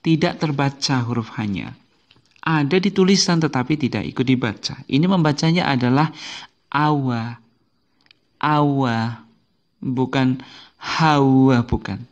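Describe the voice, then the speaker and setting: A man's voice: mid-range voice, expressive, moderate pace, highs cut off. A man teaching English as a video lesson, patiently repeating each word for beginners. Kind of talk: slow explanatory video lesson.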